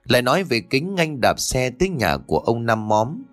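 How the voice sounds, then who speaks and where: A man narrating a ghost-story audiobook with expressive storytelling. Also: mid-range voice, moderate pace, no echo, soft background music.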